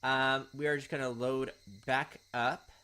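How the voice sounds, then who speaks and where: Speaking at a medium pitch in a level, unhurried way, this gameplay host sounds pushed and bright, with a clean tone despite a sore, scratchy throat from the winter cold. Music runs underneath as he alternates between dry, casual remarks and reading visual novel lines aloud.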